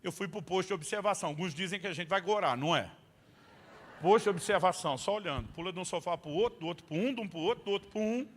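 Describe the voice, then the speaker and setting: A man pastor telling funny family stories in a sermon, animated and bursting into shouts at the punchlines. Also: sits high, fast talker. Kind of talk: humorous sermon storytelling.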